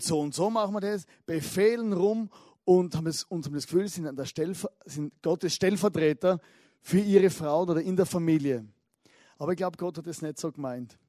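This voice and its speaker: A man delivers an animated sermon, leaning on anecdotes and little rhetorical asides. His voice sits high for a man. The sound is close and dry, with no room echo. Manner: animated storytelling with frequent asides. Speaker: preacher. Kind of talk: lively sermon.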